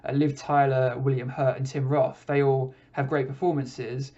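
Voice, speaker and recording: A man talks through a film review in a relaxed, conversational way, pausing often with small hesitations. His voice is dark and mellow, and his delivery stays fairly flat and even. The recording sounds dull and lo-fi. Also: medium pitch. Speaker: podcast host reviewing films. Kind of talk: casual film review monologue.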